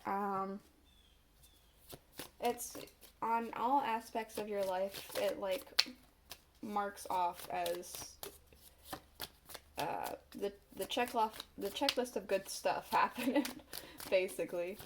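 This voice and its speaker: A woman with a congested voice, recovering from a cough, giving a casual tarot reading with halting pauses. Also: mid-range voice, noisy background. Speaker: tarot reader.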